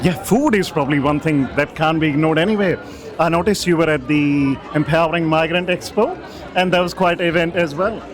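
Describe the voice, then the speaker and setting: A man's voice: a little high, a little fast. A man interviewing guests at an awards event in a friendly, effusive manner. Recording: event with music and crowd chatter.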